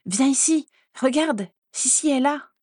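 A woman doing a gushing excited young girl. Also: fast talker, no room sound, clean studio sound, close to an everyday voice. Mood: calling out. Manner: gushing, eager, high and breathless. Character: bubbly excitable young girl, childhood friend. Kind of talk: storybook reading.

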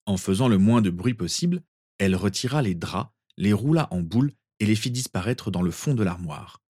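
A man calmly narrating a story with a measured reading. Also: fairly low pitch, husky, no room sound, clean studio sound.

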